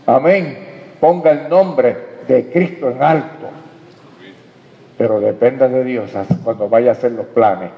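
A man preaching a sermon with emphatic swings between loud and quiet. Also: medium pitch, measured pace, gravelly. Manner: emphatic preaching, rises and drops in loudness. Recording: dull sound in a reverberant hall.

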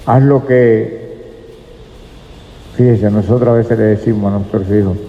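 In a church, a man preaches a sermon emphatically, addressing the congregation as brothers. His voice is lowish, mellow and steady, and he speaks unhurriedly. The hall is echoey and the sound dull and lo-fi.

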